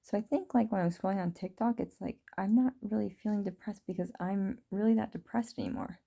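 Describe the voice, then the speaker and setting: A woman in her thirties talking through her feelings in a rambling, reflective video diary, full of fillers and soft laughs. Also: medium pitch, fairly quick, vocal fry, husky. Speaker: vlogger. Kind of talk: reflective personal diary talk.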